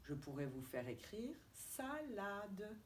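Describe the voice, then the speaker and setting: A woman kindergarten teacher with a French accent giving a remote lesson to young children, spelling out letters and syllables slowly and clearly. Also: mid-range voice, big pitch swings. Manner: slow, deliberate, stretching out syllables and letters. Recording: distant mic with faint background noise.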